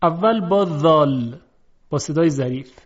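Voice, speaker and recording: A man with a slightly high voice gives a pronunciation lesson. He explains briskly, then stretches out each example word in slow recitation. The recording sounds dull and lo-fi. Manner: fast explanatory talk between examples. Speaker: Quran recitation teacher.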